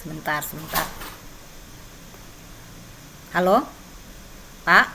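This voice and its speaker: A woman's voice: sits low, very slow, creaky, background noise. A woman leading a church training session online, teaching and sharing personal testimony conversationally, often tagging her sentences. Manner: conversational, frequent tag questions.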